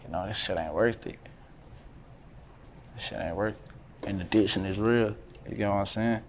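A young man in his twenties with a drawl speaks in a low voice, loose and full of slang and fillers. He sits indoors by a brick wall, and a faint room hum sits behind him. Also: moderate pace. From North Carolina, USA. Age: 20s. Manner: relaxed slangy talk, many fillers. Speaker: rapper, interview guest. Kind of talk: casual interview talk.

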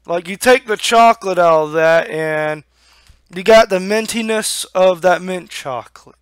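A young man giving a casual, halting review to camera on a headset mic, talking with a lip full of dip. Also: high-pitched, clear, resonant tone, no room sound. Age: young adult. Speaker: amateur product reviewer. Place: small room at home. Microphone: headset microphone.

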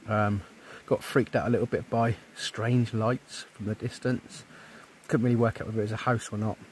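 A relaxed man talks to a handheld camera at a woodland camp, loose and chatty with plenty of ums. His voice sits low, and a faint hum of the outdoors hangs behind him. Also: moderate pace. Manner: chatty and easygoing, with frequent ums. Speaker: outdoor camping vlogger. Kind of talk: casual chat to camera.

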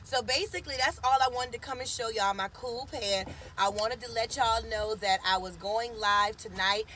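A woman in her forties, her voice a little high and her pace moderate, greets viewers by name and teases them on a casual live stream. She's in a parked car with a phone camera at arm's length, and the background is noisy.

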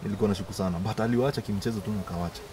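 Kenyan male guest, rapid-fire casual testimony in mixed Swahili and English, noisy open-air recording. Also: fairly low pitch. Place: outdoor garden. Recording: clearly noisy outdoor ambience.

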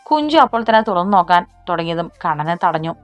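A woman narrating a romance audiobook in a steady storytelling manner. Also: lowish voice, fast talker, no room sound, muffled recording, soft background music.

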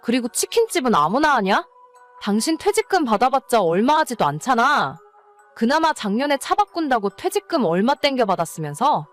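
A woman's voice: on the high side, big pitch swings, fairly quick, faint music behind. A woman playing an exasperated, nagging wife in a scripted dramatized story. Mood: scolding. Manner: nagging, scolding. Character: exasperated, scolding wife of an irresponsible husband. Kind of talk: scripted story narration and dialogue.

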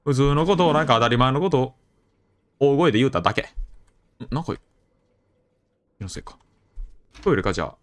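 A young man with a Kansai accent commenting on a horror game as he plays, chatty and jokey, with sudden loud outbursts. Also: medium pitch, sing-song, fairly quick, long pauses. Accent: Kansai Japanese. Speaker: game streamer.

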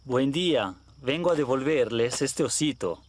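A man's voice: medium pitch, lively intonation, a little slow, dry recording. A man voicing a courteous animal police officer in a children's cartoon. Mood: polite.

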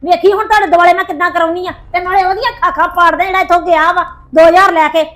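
A woman playing a shrill, wailing young wife. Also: fairly even intonation, very fast. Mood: wailing, furious. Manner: loud wailing complaints, repeated cries of distress. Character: furious young wife, wailing, accusing her mother-in-law of theft. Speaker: daughter-in-law in a family skit. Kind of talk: home-made family drama skit.

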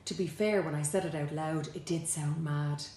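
A woman reading aloud from her own children's book, lively and expressive, jumping higher for the characters' lines. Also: moderate pace, echoey room. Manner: lively, swoops high for quoted characters. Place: home.

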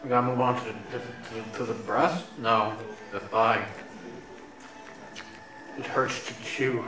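A man's voice: mid-range voice, fairly even intonation, a little slow, echoey room, far from the mic, over music. A man doing a parody food review, talking muffled through a face mask with mock-melodramatic complaints. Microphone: head-mounted camera.

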